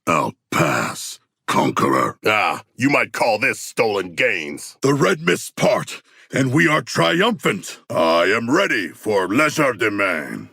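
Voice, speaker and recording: A huge shark-man warrior from a video game, naive, earnest and eager for battle. His low voice is gravelly and swings widely in pitch as he delivers stilted, grandiose lines with great formality. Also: very animated, slow pace, few pauses, sharp tone, dry recording, studio quality, exaggerated voice. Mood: battle-eager, forceful. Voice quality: gravelly, husky.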